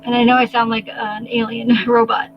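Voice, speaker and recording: A woman's voice: fairly high pitch, completely flat delivery, moderate pace, muffled recording, a little hiss or hum. A woman hosting a casual livestream, chatting with viewers in a rambling, hesitant way with many restarts. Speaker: livestream host. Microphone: home microphone.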